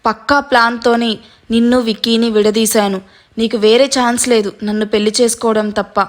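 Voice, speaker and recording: Vengeful young groom who threatens and bullies his bride, read by a woman storyteller, higher pitched, kept level. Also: level tone, brisk, natural voice. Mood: threatening. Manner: threatening, domineering. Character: scheming menacing young man, vengeful groom.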